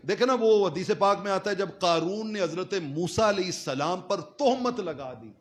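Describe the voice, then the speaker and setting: Guy preaching a sermon, high pitched, gets loud then drops soft, asks and answers his own questions. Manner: dramatic preaching with sudden swings between loud and soft; rhetorical questions answered himself.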